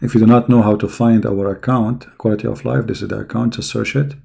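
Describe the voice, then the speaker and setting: A man's voice: lowish voice, fairly even intonation, fast talker, vocal fry, dark tone, slightly rough. A man giving sarcastic, mocking religious commentary, saying he is losing his voice.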